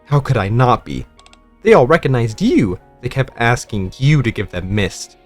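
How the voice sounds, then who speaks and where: A man's voice: mid-range voice, very animated, normal speed, soft background music. A man voicing a suspicious young woman soldier who talks bluntly and accusingly, in a game story reading.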